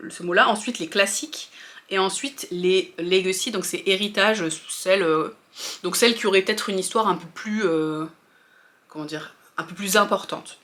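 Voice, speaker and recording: A woman's voice: medium pitch, fairly bright tone. A French woman talking casually to her viewers as a fashion vlogger, chatty and hesitant with many fillers and restarts. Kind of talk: casual opinion chat to viewers.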